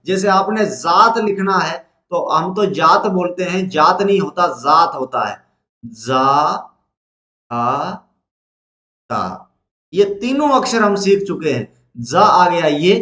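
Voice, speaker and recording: A man's voice: high-pitched, fairly bright tone, reverberant, dull audio. A man teaching a class, patiently repeating each point and quizzing his students. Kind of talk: classroom lesson.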